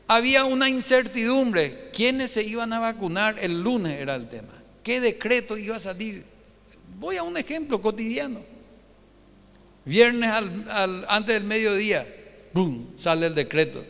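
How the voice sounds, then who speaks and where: A man preaching a Sunday sermon as pastor, animated and keeps putting rhetorical questions to his congregation. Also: high-pitched, clean tone, big-room sound. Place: church hall.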